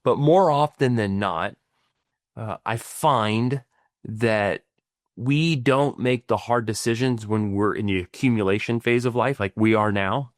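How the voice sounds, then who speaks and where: A middle-aged man with a fairly low pitch talks a little slowly in a dry, clean studio recording. He is a financial planner co-hosting a podcast, explaining ideas in casual chat with frequent stumbling restarts and "right?" tag questions.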